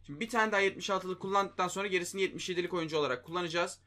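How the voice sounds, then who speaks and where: Rapid-fire and high-pitched with a sharp tone, this mobile game video host runs through casual commentary on his gameplay. He's often exasperated, talking to himself and to viewers, and swears mildly.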